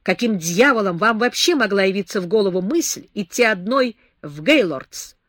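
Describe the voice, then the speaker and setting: Brief: woman doing a stern, mocking grown man, sharp and lecturing, loud and dry. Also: medium pitch, animated, moderate pace, no room sound. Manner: harsh, sarcastic, lecturing. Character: stern scornful man scolding a drunk girl.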